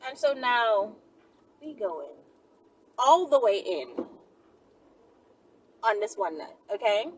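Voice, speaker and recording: The audio is noisy and the mic distant as a female channel host responds to viewer questions. Her voice is a little high and very animated, her pace slow, and she chats casually and sassily with lots of emphasis, often checking in along the way.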